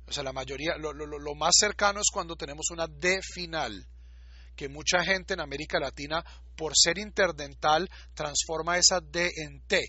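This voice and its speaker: A man's voice: fairly high pitch, moderate pace, pushed and bright, husky, no echo, muffled recording. A man giving a recorded lecture, explaining patiently and repeating words to show how they are pronounced. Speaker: teacher.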